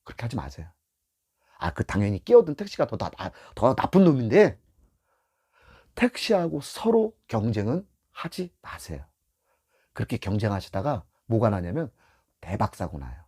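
Animated middle-aged man giving blunt tips. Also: on the low side, slightly rough. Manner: animated, acts out scenes from the road; blunt, repeats key advice. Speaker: taxi driver giving tips to beginners. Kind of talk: casual spoken lesson.

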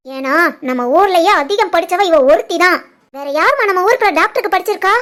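A woman voicing a scheming young village woman in an animated family drama, complaining and insistent, with a southern Tamil Nadu village dialect. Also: extremely high pitch, a little fast. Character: sharp-tongued scheming young village woman, sister-in-law.

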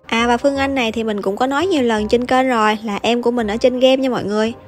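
A young woman chats and teases in a fairly high voice while narrating a mobile game. She laughs often. Loud upbeat music plays under her voice-over. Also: fairly even intonation, quick pace. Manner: chatty, teasing, laughs often. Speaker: gaming YouTuber. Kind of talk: casual gameplay commentary.

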